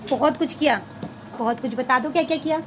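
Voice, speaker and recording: A woman's voice: high-pitched, brisk, noisy background. A woman vlogging casually about her family, coaxing her children to talk. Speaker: vlogger, mother. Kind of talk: casual family vlog chat.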